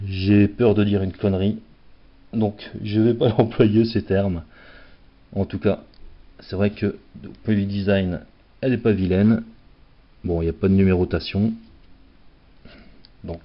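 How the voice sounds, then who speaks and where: A man giving casual, self-mocking commentary while opening packs of trading cards. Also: fairly low pitch. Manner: chatty, self-mocking, playful. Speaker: card collector opening packs. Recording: dull lo-fi recording.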